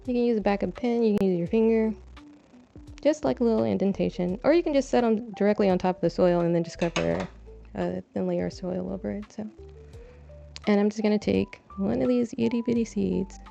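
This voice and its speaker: A young woman talks her way through planting seeds on her balcony, rambling and poking fun at herself. Her voice is gravelly and mellow, and it comes through a dull, lo-fi mic with faint music behind her. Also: mid-range voice, brisk. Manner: rambling, self-deprecating, chatty. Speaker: streamer gardening on her balcony. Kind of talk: casual chat. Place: home balcony. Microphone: desk mic, braids brushing it.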